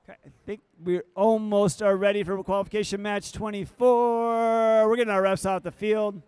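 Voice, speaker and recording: A man's voice: sits high, little pitch movement, normal speed, a little mellow, clean tone, no echo. A man announcing and commenting on robotics competition matches, upbeat and joking with the teams. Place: event hall.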